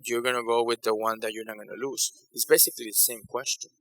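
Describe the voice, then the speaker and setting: A man's voice: medium pitch, steady tone, fast, fairly bright tone, rough recording. A man from Ecuador leading a conference breakout session on decision-making, talking conversationally and repeating phrases for emphasis. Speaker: workshop facilitator.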